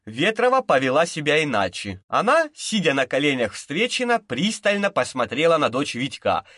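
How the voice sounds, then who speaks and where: A man narrating an audiobook with lively, expressive storytelling. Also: on the high side, normal speed, dry recording, studio quality. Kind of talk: audiobook narration of a crime novel.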